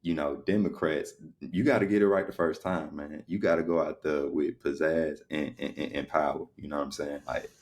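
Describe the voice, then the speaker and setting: A man co-hosting a podcast in a loose, rambling casual chat, full of fillers. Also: extremely low pitch. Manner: loose, rambling, lots of "you know what I'm saying". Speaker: podcast co-host.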